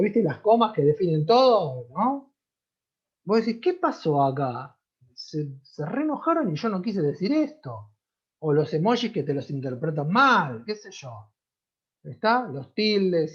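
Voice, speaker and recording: Through the dull, lo-fi sound of a computer mic on a video call, a teacher with a Rioplatense Spanish accent gives a conversational online class, often checking in with students. Her voice is husky and medium-pitched.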